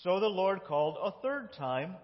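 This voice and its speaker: A pastor telling a Bible story during a sermon, acting out its lines with animated voices and directing children who act it out. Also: male voice, sits high, moderate pace. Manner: animated, reads dialogue in lively voices. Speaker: lead pastor. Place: church sanctuary. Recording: muffled, echoey church hall.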